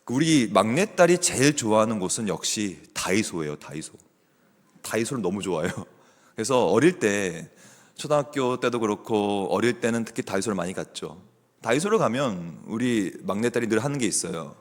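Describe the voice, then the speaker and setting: Animated middle-aged man preaching. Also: fairly low pitch, moderate pace. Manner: animated storytelling, chatty with the congregation. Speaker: guest preacher, theology professor. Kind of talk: sermon. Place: church sanctuary. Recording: long church hall reverb.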